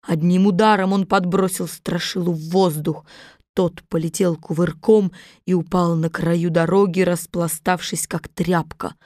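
A woman narrating a children's story in a measured, unhurried reading. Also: fairly low pitch, fairly even intonation, darkish tone, no echo, clean studio sound.

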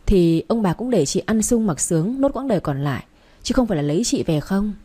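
A woman reading the part of a gruff middle-aged man who heads the household and speaks in a bossy, scolding way, in a narrated story. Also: medium pitch, expressive, fairly quick, warm tone. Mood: calm.

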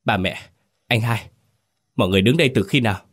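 A man's voice: lowish voice, fast, natural voice. A man voicing a bewildered young man in a ghost story, talking urgently and questioningly.

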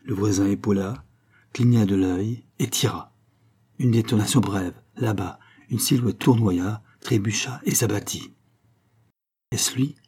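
A man narrating an audiobook in a steady, measured way. His voice is low and dark, with a husky grain. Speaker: audiobook reader. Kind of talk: scripted narration.

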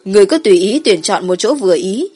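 A woman plays an elder dragon emperor in a fantasy audiobook. The delivery is commanding but kindly, with a slightly husky edge over clear background music. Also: mid-range voice, animated, quick pace, dark tone.

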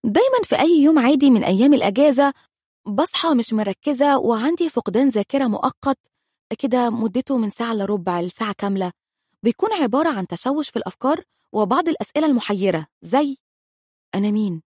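Egyptian woman, comic storyteller, high voice, quick, dry close sound. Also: expressive, a little mellow, husky, no room sound. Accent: Egyptian Arabic. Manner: dramatic, exaggerated self-mockery. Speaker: mother of three.

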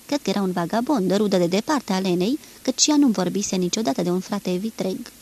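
A woman reading the part of a weary, resigned man who speaks in a flat, neutral way in an audiobook. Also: high voice. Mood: flat recounting. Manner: flat, neutral, matter-of-fact. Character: weary middle-aged man, detached and resigned.

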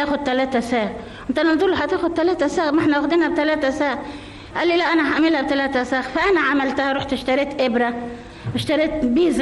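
Plain-spoken Egyptian woman in her fifties. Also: high voice. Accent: Egyptian Arabic. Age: 50s. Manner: plain-spoken, colloquial, often asks to have questions repeated. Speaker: interviewee, shoe repairer. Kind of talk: radio interview. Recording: old radio broadcast, reverberant and slightly noisy.

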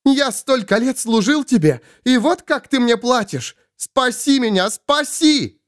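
A man voicing a possessed woman through whom a desperate man's spirit speaks, pleading and screaming in a high strained voice. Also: animated, moderate pace. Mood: frantic. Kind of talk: audiobook character voice.

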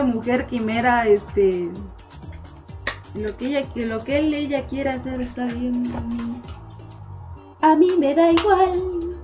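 A woman's voice: sits high, a little mellow. A woman with a Mexican accent hosting a casual live online chat show, talking with her viewers in a chatty, giggly way and repeating words as she goes. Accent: Mexican Spanish.

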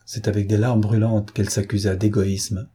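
A man narrating a classic novel in a measured, even reading. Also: fairly low pitch, husky. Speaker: audiobook narrator.

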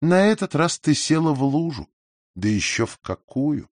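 A man's voice: sing-song, moderate pace, no room sound. A man doing a proud, touchy aging singer. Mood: self-scolding. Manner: shrill, huffy, grumbling to herself. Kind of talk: audiobook character voice.

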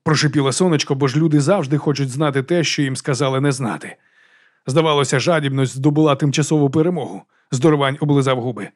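Brisk male audiobook narrator. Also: mid-range voice, darkish tone. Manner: brisk, dramatic storytelling.

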